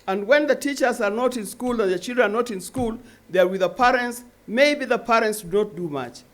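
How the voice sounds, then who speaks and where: A woman's voice: on the high side, brisk. An older woman, a grandmother, giving an earnest speech at a charity event and urging parents to care for their children. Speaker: guest speaker.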